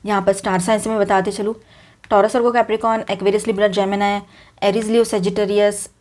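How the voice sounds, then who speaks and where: This fast-talking woman reads tarot for her viewers with a flat delivery and a medium-pitched, darkish voice. Her Hindi-accented speech is casual, blends in English words, and is thick with fillers and restarted sentences.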